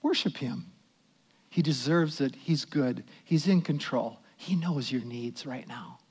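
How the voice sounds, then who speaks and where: A male pastor preaching a sermon, swinging from loud emphatic lines to hushed prayerful asides. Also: medium pitch, unhurried, breathy edge.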